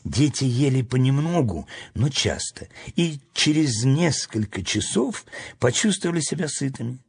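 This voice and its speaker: Husky, expressive male storybook narrator. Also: mid-range voice, moderate pace. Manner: expressive, dramatic reading.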